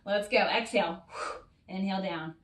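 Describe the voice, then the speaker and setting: This workout instruction comes from a woman with a mid-range voice speaking at a moderate pace, recorded from a distance with roomy, off-mic sound. Slightly out of breath, the fitness coach offers encouragement and cues every breath and repetition.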